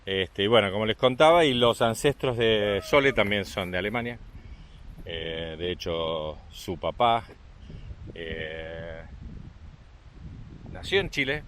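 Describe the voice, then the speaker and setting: Walking a rural trail with his family, an Argentine dad narrates his travel vlog in Argentine Spanish, chatty and upbeat as he encourages his young son. His deep, slightly bright voice is animated but unhurried, with a little hiss or hum in the audio.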